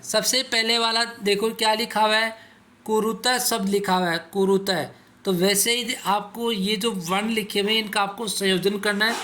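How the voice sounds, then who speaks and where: A male schoolteacher talks his pupils through a vocabulary lesson at an unhurried, deliberate pace. His voice is bright and forward, and he poses questions only to answer them himself. He says each word slowly so the class can repeat it after him. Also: high-pitched. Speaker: teacher. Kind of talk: classroom explanation for school students.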